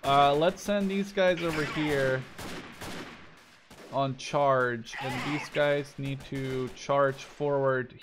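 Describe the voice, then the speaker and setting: Hosting a gaming video, a man speaks slowly in a steady, mid-range voice, musing aloud about the gameplay with mild swearing. Background noise includes video game gunfire and clicks behind his voice.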